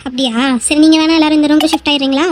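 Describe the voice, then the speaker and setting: High-voiced cartoon young wife, pleading, insistent, fussy, played by a woman. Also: flat delivery, rapid-fire, slight background noise, natural voice. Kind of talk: cartoon voice dub.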